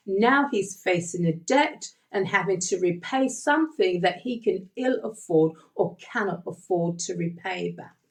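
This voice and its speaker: A woman's voice: medium pitch, darkish tone. A woman Bible teacher giving a sermon, emphatic and asking her listeners rhetorical questions.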